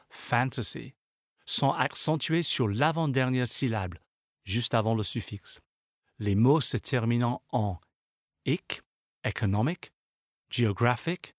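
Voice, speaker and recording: Male instructor voice for a language course, unhurried, word-by-word delivery, dry studio read. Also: medium pitch, no echo. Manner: slow, measured, reads out example words one by one. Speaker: language lesson narrator. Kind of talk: scripted instructional narration.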